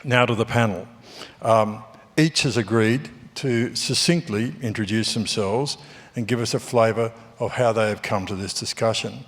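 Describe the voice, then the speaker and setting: A man, a former newspaper editor, moderating a panel discussion on a theatre stage and speaking in a measured way with frequent ums and uhs. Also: lowish voice, fairly bright tone. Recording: theatre hall reverb.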